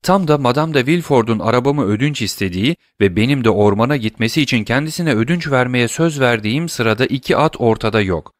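Kibirli, küçümseyen soylu barones; bir erkek okuyucu canlandırıyor, yükseltilmiş sivri ses, kuru kayıt. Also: male voice, lively intonation, fast, few pauses, no echo, studio quality, natural voice. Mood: indignant. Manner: raised pitch, sharp and indignant. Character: haughty scornful aristocratic baroness, woman.

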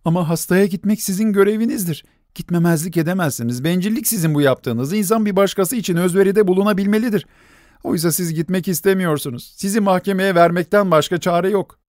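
A woman's voice: on the low side, brisk, darkish tone, no room sound, clean studio sound, voice pushed up, natural voice. A man voicing a frantic, pleading young wife. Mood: insistent. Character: desperate young wife begging a doctor.

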